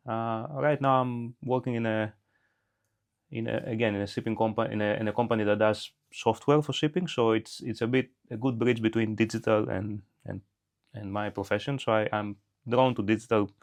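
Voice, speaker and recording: Thoughtful and hesitant, this middle-aged podcast guest from Greece frequently starts his sentences over as he talks off the cuff. His voice is on the low side, with a steady tone and moderate pace.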